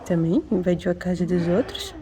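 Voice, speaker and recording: A woman talking to cats outdoors in cooing, high-pitched baby talk full of diminutives. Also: very animated, moderate pace, noisy background. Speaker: vlogger with her cat.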